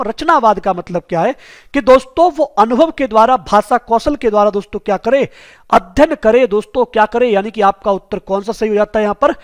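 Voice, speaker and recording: High-voiced man teaching an exam lesson. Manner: repetitive rhetorical questions, addresses viewers as friends.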